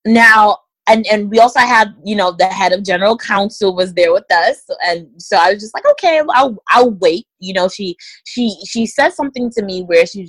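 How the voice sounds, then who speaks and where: In a conversational interview, this woman talks straight to listeners, guys and ladies, delivering blunt, emphatic career advice. Her mid-range voice has a fairly bright tone, and the poor-quality audio has no echo.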